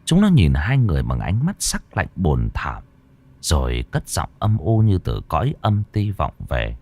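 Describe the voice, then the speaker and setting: A man's voice: low voice, huge pitch swings, unhurried, a little mellow. A man narrating a ghost story dramatically, switching into many character voices.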